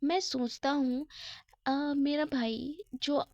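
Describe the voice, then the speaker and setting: A woman's voice: high voice, fairly even intonation, slow, darkish tone, no echo, dull audio. A woman doing a cheeky, teasing younger brother. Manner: playful, whiny teasing.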